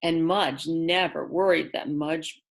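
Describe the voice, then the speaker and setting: A low-pitched, steady-toned woman reads a children's picture book aloud. Her delivery is slow and plain, with dramatic stresses and friendly, chatty comments directed at the young listeners.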